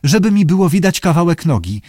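A man's voice: fairly high pitch, very animated, brisk, a little mellow, no room sound, studio quality, pitched above the performer's own voice. A man voicing a pampered, demanding young actress in an audiobook, with a raised, petulant voice. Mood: bossy. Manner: petulant, bossy, whiny. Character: pampered, demanding young film starlet, woman.

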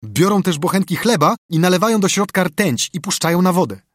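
A man's voice: fairly high pitch, wildly swooping pitch, quick pace, dry recording, clean studio sound, voice pushed up. A man voicing a streetwise scruffy boy who speaks bluntly and knowingly, in a storybook reading. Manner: matter-of-fact, knowing.

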